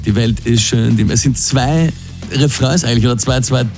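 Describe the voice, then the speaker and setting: A man's voice: mid-range voice, normal speed. Guy hosting radio, chatty and laid back, music playing under him. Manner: chatty, laughs easily, relaxed. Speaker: radio host. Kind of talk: casual chat about music.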